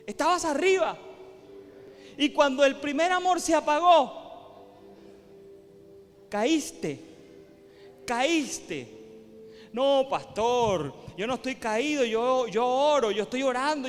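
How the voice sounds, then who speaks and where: A man pastor preaching a sermon with passion, repeating phrases for emphasis and rising to shouts. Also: very high voice, big-room sound. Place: church sanctuary.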